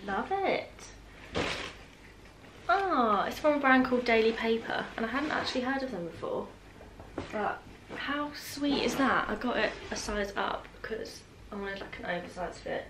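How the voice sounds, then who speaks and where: Animated and fairly high-pitched, a British woman in her twenties talks at normal speed with background noise audible. As a vlogger, she unboxes and chats casually to camera in the open-plan living room at home, indoors, drifting into small asides.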